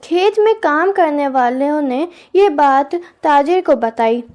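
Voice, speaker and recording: A woman narrating a children's storybook tale in a clear, steady way. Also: sits high, slow.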